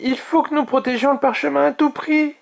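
A man's voice: extremely high pitch, normal speed, a little mellow, voice pushed up. A man reading aloud and voicing a young, clever, eager female dragon. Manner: eager, breathless.

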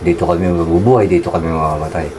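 A man talks quickly through memories of prison and gang loyalty, his voice at an ordinary male pitch. Clear background noise and ambient sound run behind him throughout. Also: fairly even intonation. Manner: fast storytelling, dropping low and quiet when reflective. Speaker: interviewee, former gang member. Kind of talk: casual recounting of prison life.

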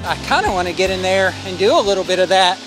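A middle-aged homestead vlogger talks casually into a phone held at arm's length, explaining a concrete pour in a walk-and-talk narration outdoors on a rural building site. His voice sits high and he speaks fast and animatedly, with music playing underneath.

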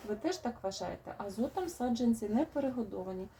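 A woman's voice: on the high side, lively intonation, fast talker, noisy background. A woman with a young child, chatting fondly to her viewers as she unpacks rose seedlings. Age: adult, has a young child. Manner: fond, chatty, talks to viewers. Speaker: rose gardening vlogger. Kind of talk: casual unboxing chat.

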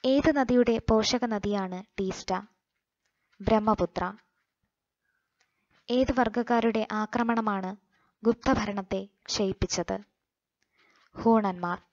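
A Malayali woman reads quiz questions and answers aloud for exam coaching, taking her time over each one. Her voice sits slightly high and the delivery stays measured. The recording is dry and a bit muffled, with no room around her. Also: a little mellow, dry recording.

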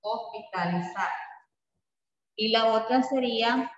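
A man's voice: very high voice, takes it slowly, a bit bright, a little hiss or hum. A man teaching a spelling lesson to a class, patient and checking in with frequent tag questions. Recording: echoey classroom, far from the mic, dull.

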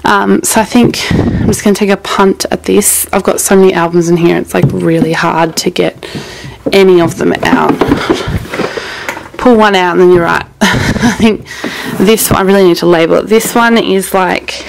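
Chatty creaky-voiced young woman. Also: lowish voice, fairly even intonation, normal speed, a little hiss or hum, low-quality recording. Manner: chatty, rambling, laughs often. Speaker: craft vlogger. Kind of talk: casual craft room tour.

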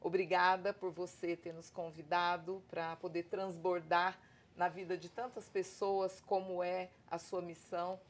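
A Brazilian woman guest on a podcast, speaking earnestly and gratefully in spiritual terms. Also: on the low side. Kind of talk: heartfelt podcast testimony.

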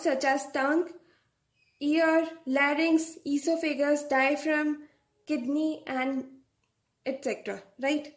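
A young woman gives a medical lecture in a high voice. She speaks slowly and explains things step by step, often stopping to check with a "right?".

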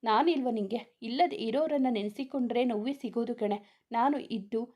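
A woman voicing a loving young husband who gently soothes his wife in a read-aloud story. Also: on the high side, normal speed, lightly acted. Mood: tender. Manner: soothing, reassuring.

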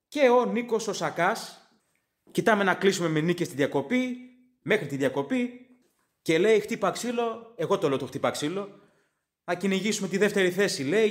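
High-voiced opinionated male podcast host. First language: English. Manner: opinionated and sarcastic. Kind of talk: casual chat reading out fan comments.

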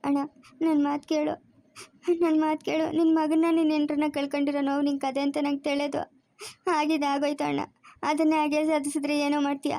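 A woman's voice: high-pitched, monotone, fast talker, mellow, no echo. A woman doing a pleading, tearful grandmother. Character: pleading older village woman, soft-hearted grandmother.

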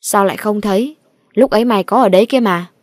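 A woman voicing a stern village official man who keeps pressing a boy with gruff questions. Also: mid-range voice, fast talker, no echo, lightly acted. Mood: stern, demanding.

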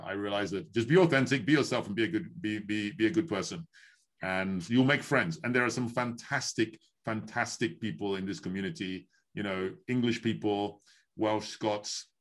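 A man's voice: fairly low pitch, a bit bright. A man in his fifties from Ghana, hosting a video call interview from home in a friendly, chatty, upbeat way, often repeating phrases. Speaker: host. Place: home room with wooden beams. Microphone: video call webcam.

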